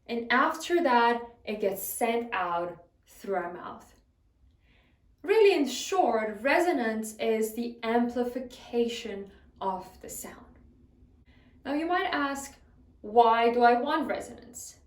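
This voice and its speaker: Higher-voiced woman teaching singing, roomy sound. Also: very animated, takes it slowly, distant mic. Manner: friendly instructive, guides exercises step by step. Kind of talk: vocal lesson.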